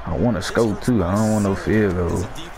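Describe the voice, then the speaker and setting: A young gaming-channel host with a low voice commentates his own football match live at a moderate pace, a crowd audible behind him. He laughs and trash-talks with slang and profanity, repeating the same hype phrases over and over.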